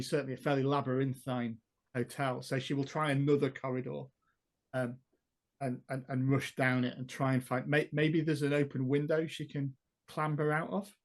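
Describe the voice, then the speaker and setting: A man at a tabletop game voices his character's choices at an ordinary mid pitch. He thinks aloud and pieces the scene together one step at a time. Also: fairly even intonation, normal speed. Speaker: player. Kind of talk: tabletop role-play storytelling.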